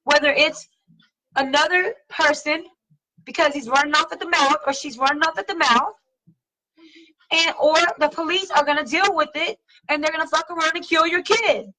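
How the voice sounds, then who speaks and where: Blunt, high bright-voiced woman ranting. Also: moderate pace, poor audio. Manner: blunt, emphatic, swears freely; lectures listeners directly. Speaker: podcast host. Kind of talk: casual opinionated talk.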